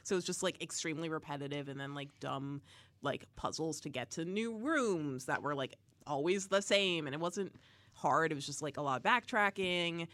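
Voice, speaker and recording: A young woman co-hosting a casual podcast, telling a story with animated energy and frequent laughs. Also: low-pitched, moderate pace, dry recording. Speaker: podcast co-host, game reviewer. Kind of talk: casual chat.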